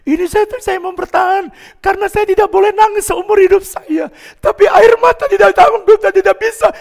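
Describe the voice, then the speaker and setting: A man voicing a big, desperate former boxer who has been drinking, pleading in a raised, loud voice. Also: fairly quick, long reverb tail. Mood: overwhelmed. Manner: pleading, high-pitched and loud.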